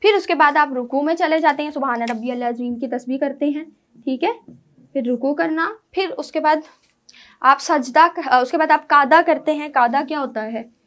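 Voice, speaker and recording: A woman's voice: high voice, moderate pace, a bit bright. A woman teacher, giving an online lecture to schoolchildren, explaining step by step and often checking with "right?".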